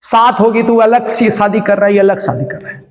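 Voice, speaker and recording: A man with a Hindi accent teaching English for an exam, repeating each phrase and translating it into Hindi, with drawn-out exclamations. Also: high voice, little pitch movement. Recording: echoey hall with long reverb.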